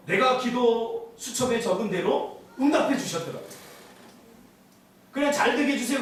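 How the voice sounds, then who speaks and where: Male pastor, emphatic and animated sermon delivery; distant mic in a very echoey sanctuary. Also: very high voice. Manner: emphatic preaching, acting out quoted voices. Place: church sanctuary. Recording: echoey hall from far off.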